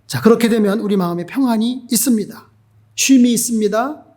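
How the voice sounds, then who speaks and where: A man's voice: very high-pitched, fairly quick, a little mellow. A male pastor preaching an emphatic sermon and putting rhetorical questions to the congregation.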